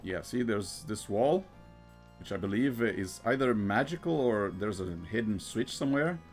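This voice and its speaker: A man giving casual game commentary, thinking aloud in a halting way and often repeating his words. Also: on the low side, expressive. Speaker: gamer narrating a playthrough. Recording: game music behind the voice. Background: video game music.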